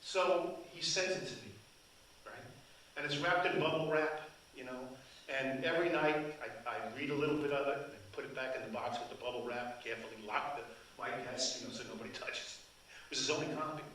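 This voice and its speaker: An older man with Sicilian as his first language, working as a translator and author, tells rambling stories at a book event and keeps restarting. His mid-range voice is fairly bright and fairly quick. In the echoey event hall, a distant mic captures slight background noise.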